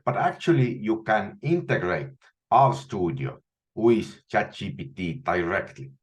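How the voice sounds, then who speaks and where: An Estonian-accented man in his forties teaches coding live online from a small room indoors at home. He reasons out loud, often starting over and repeating himself, in a lowish voice with lively intonation and a slightly slow pace.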